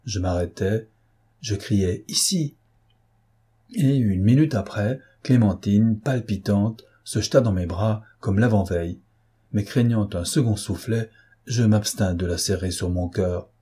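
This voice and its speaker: Man narrating an audiobook, low and dark, kinda husky, calm and steady. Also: a little slow. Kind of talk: audiobook reading of a novel.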